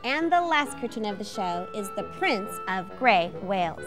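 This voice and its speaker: A woman's voice: medium pitch, big pitch swings, moderate pace, faint music behind. A woman presenting a scripted educational fact segment on a children's show. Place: TV studio set.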